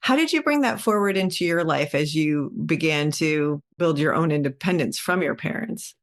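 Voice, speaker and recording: A woman co-hosting a podcast, asking measured, reflective follow-up questions. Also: deep voice, expressive. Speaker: podcast co-host.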